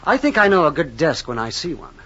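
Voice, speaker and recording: A put-upon office manager. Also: male voice, a little high, very animated, fast talker, a bit bright, exaggerated voice. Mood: defensive. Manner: defensive, earnest. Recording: dull lo-fi old radio recording.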